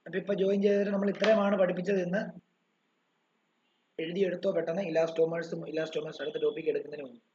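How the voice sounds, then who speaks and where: High-voiced man teaching a class. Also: little pitch movement, rapid-fire, warm tone. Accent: Malayali English. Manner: asks questions then answers them himself, dictates notes. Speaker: physics teacher. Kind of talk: online class lecture. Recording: dull roomy recording with faint noise.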